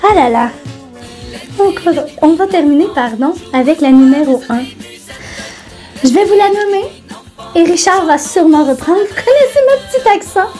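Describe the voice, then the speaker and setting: A woman with a Quebec French accent hosting a campy parody of a local TV show, bubbly, giggly and excitable. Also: high-pitched, moderate pace, long pauses, soft background music. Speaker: TV host.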